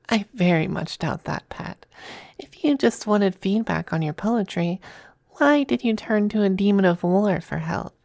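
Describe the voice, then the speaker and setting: A woman performs a possessive demon femboy for intimate ASMR, using a medium-pitched voice with lively intonation and a darkish tone, recorded dry and close. Her delivery is slow, coy and a little creaky, smug yet affectionate, often sliding into a breathy whisper. The mood is mocking and possessive.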